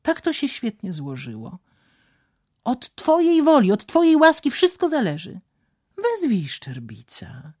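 A woman's voice: on the high side, huge pitch swings, unhurried, darkish tone, no room sound, studio quality, pitched above the performer's own voice, full character voice. Woman voicing a coaxing, menacing male swindler. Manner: wheedling, then threatening.

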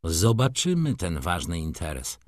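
A man's voice: low-pitched, huge pitch swings, measured pace, no room sound, studio quality, full character voice. A man reading an audiobook, voicing a bitter, brooding middle-aged merchant who speaks in a restrained, cool way. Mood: cold bitter.

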